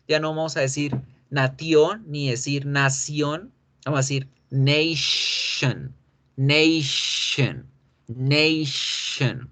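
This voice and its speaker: A man teaching English pronunciation in an online lesson, drawing out each sound slowly as he models it. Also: on the high side, a bit bright. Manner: slow, drawn-out modeling of sounds.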